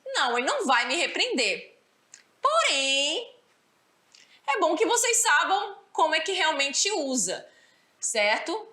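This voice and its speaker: A Brazilian woman teaching English grammar, her voice high and bright. She explains patiently and keeps checking that the class follows along. The sound carries a roomy echo. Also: big pitch swings, takes it slowly, pauses often. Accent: Brazilian Portuguese. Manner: explanatory, checks understanding with "certo?". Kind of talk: recorded school lesson.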